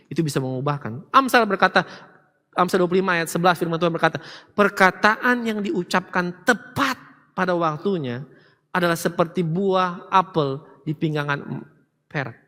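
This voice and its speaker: A high-voiced, bright-toned man preaching in a large church hall, his voice ringing with long reverb. He is a middle-aged pastor who talks animatedly and slips into quoted voices of his family. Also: fairly quick. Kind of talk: sermon.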